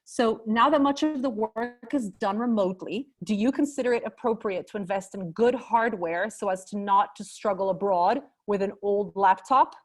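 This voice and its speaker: A woman moderating a video call open house, relaxed, reading out questions from the chat. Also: medium pitch, moderate pace, hardly any pauses.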